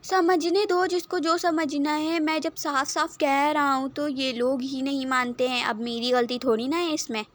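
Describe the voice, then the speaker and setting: A woman's voice: sits high, steady tone, few pauses, fairly bright tone. Woman doing a cocky, stubborn young man. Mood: defiant.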